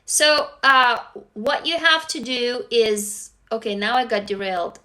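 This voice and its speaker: This livestream host is a young Russian woman whose first language is Russian; she reads viewer comments and talks earnestly and bluntly, with casual swearing. Her voice is a little high and sharp in tone, with fairly even intonation and a measured pace.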